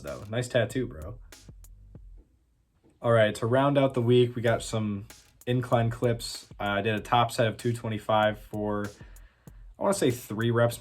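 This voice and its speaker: A young man giving casual, self-teasing voice-over commentary on his own workout footage, with many fillers. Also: lowish voice. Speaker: fitness vlogger.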